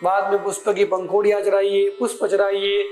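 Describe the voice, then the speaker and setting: A man guiding a puja step by step, with slow, measured Sanskrit mantra chanting. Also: sits high, completely flat delivery. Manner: slow, measured recitation of mantras and name litanies. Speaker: puja instructor. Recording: echoey room with soft music behind.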